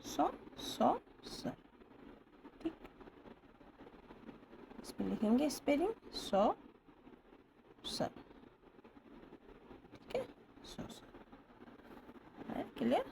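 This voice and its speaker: A woman with a high voice and wide pitch swings teaches stenography with classroom patience, drawing out words, spelling them letter by letter and checking that students keep up. Her voice is creaky and slightly mellow, with long pauses and an Indian accent on English words. It's a rough recording from a distant camera or phone, with a bit of hiss or hum.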